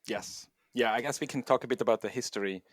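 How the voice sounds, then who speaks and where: A middle-aged Swiss man, a software engineer and home miner, talks casually as a guest in an interview. He speaks quickly in a mid-range voice, sounding thoughtful but loose, with lots of fillers.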